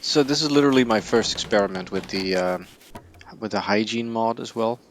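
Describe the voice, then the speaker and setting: A man with a fairly low voice live-streams a game, talking fairly quickly over a little hiss or hum. His let's-play commentary is casual and rambling, he sometimes trips over his words, and he sounds sleepy, yawning as he goes.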